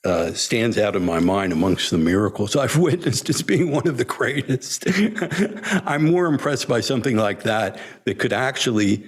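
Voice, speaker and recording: An older man, a senior disciple, reminiscing in a storytelling talk, halting with many fillers and frequent chuckles. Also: mid-range voice, big pitch swings, breathy edge. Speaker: senior disciple telling stories.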